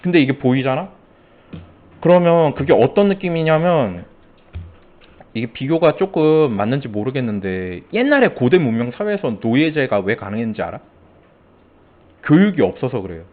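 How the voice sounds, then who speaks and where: A man's voice: medium pitch, sing-song, moderate pace, pauses often. A man giving a casual classroom lecture, telling stories and acting out coworkers' lines with lots of animation. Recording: tinny phone-like sound.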